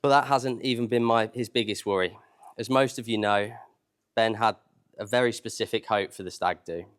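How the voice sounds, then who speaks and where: A man's voice: fairly low pitch, moderate pace, clean tone. A man delivering an informal, humorous wedding speech live at a reception. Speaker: wedding speaker.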